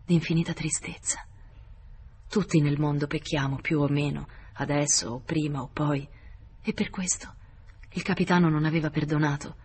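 A narrator reading a novel aloud as an audiobook in a measured, expressive way. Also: medium pitch, a little hiss or hum.

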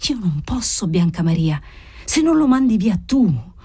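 Audiobook: dying feverish young woman, whispery to shrill, read by a woman. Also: very animated, measured pace, mellow, exaggerated voice. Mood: furious. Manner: breathy whispers rising to high cries. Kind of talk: audiobook character voice.

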